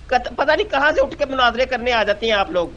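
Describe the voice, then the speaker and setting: A man's voice: extremely high pitch, animated, a bit bright, slight background noise. A man with a Punjabi accent, lecturing an opponent in a scornful, condescending tone over a voice message. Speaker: debate group host. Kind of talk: voice-message debate. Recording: dull lo-fi voice message.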